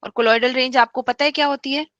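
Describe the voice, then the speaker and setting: Bright high-voiced woman teaching chemistry. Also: fairly even intonation, normal speed, dry recording, highs cut off. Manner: explains step by step, repeats key points; mixes English terms into speech. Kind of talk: online class lecture.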